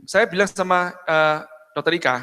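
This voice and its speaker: A man with a fairly high voice gives a business seminar in a chatty lecturing manner. He checks in with his audience often and keeps clearing his throat. His voice rings with long reverb in a hall. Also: steady tone, normal speed, sharp tone. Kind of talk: live business seminar talk.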